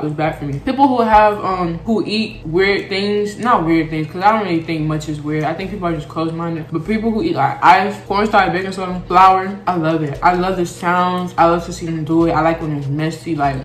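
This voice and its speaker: Young woman vlogger, low voice, casual frank chatter while chewing, echoey room. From Florida, USA. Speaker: mukbang vlogger. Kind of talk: casual chat while eating.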